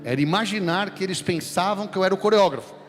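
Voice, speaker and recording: Brazilian preacher in a reverberant church. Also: male voice, fast. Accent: São Paulo Brazilian Portuguese. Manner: animated storytelling, acting out quoted voices, rising to emphatic high peaks. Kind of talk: sermon with personal testimony. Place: large church sanctuary. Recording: long hall reverb with music behind.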